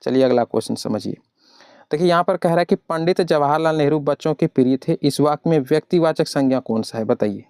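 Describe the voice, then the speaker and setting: A man's voice: fairly high pitch, brisk, a little mellow, clear, resonant tone, no echo, clean studio sound. A male teacher running an online exam-prep class. He explains step by step, asks the students questions and answers them himself, and keeps calling the listener "brother". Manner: addresses the listener as "brother" over and over.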